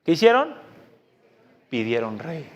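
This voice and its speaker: A man preaching a sermon as pastor. He preaches emphatically, with sudden loud rhetorical questions and quiet asides. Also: a little high, huge pitch swings, measured pace. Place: church meeting hall. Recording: long reverb from a church hall.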